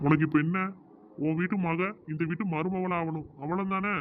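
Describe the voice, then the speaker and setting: A man voicing a soft-hearted middle-aged village brother in a cartoon, pleading. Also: high voice, fairly even intonation, moderate pace, natural voice. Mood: placating. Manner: pleading, placating. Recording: tinny phone-like audio with faint noise.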